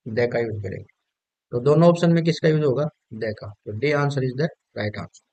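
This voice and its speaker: A man's voice: mid-range voice, lively intonation, a little mellow, no echo, rough recording. A male teacher giving an exam-prep grammar lesson, explaining step by step and putting questions to students that he then answers himself. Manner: reads quiz sentences slowly and drawn out.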